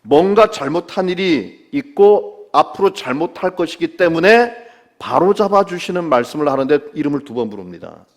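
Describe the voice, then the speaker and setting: A middle-aged male pastor preaching a sermon, asking the listeners questions and answering them himself, dropping low to quote scripture. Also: animated. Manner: drops low and slow to quote scripture, rises when stressing a point.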